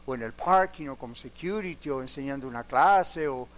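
In a church sanctuary, a pastor with a medium-pitched voice preaches earnestly at a moderate pace, putting direct questions to the congregation and mixing in a few English words. The sermon is broadcast on radio and online.

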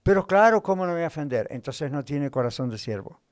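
A man's voice: on the high side, expressive, quick pace, dry recording, clean studio sound. A man, a pastor, preaching a sermon and answering his own rhetorical questions.

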